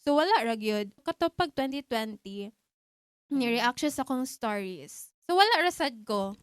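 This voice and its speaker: A woman's voice: on the high side, normal speed, clean tone, dry recording, clean studio sound. A Filipina woman around thirty with a Filipino accent, a podcast guest telling her story casually, mixing languages with fillers. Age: 30s. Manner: relaxed, mixes languages with fillers like "like".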